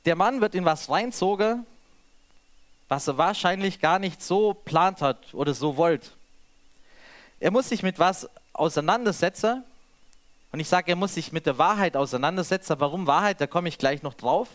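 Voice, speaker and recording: A man's voice: high voice, lively intonation, moderate pace. A man reading scripture aloud and then preaching freely, with some restarts.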